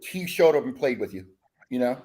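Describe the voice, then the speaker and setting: A man's voice: medium pitch, sing-song, a little fast, darkish tone. A man who leads a band, chatting as a podcast guest, rambling with lots of fillers and restarts. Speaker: guest musician, bandleader. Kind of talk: casual podcast chat.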